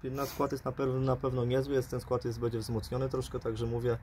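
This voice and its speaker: A man in his forties, a football coach, interviewed outdoors by the pitch, talking fast and hedging with repeated fillers. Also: completely flat delivery, a little mellow, a little hiss or hum. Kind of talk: post-match interview. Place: outdoors by a pitch, under a dugout shelter.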